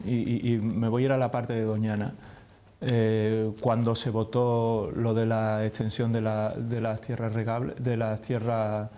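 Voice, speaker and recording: Male interviewer, formal and probing. Mellow timbre, level intonation. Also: on the low side, level tone, measured pace. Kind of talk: formal broadcast interview questioning.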